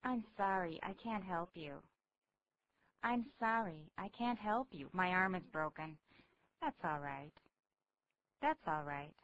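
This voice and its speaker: A woman co-hosting a radio English lesson, reading the model dialogues clearly and carefully. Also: fairly low pitch, lively intonation, slow pace, pauses often, a bit bright. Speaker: English-speaking co-host. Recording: dull old radio recording with faint hum.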